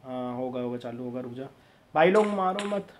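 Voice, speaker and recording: A male game streamer giving live commentary on a match, joking with his viewers and shouting in the tense moments. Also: mid-range voice, normal speed. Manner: excitable, shouting during fights, joking. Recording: loud background noise.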